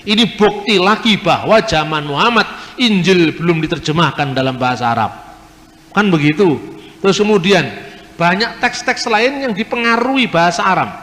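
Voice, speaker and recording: A man giving a teaching lecture, explaining points in a lively way. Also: high-pitched, moderate pace, in a large hall. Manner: lively, explanatory, imitates regional pronunciations. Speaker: religious speaker.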